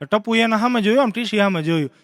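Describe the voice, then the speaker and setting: A man telling jokes in live stand-up, a lively storyteller who acts out the characters on a stage before an audience. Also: high voice, fast, dry recording, clean studio sound, long reverb tail. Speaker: stand-up comedian.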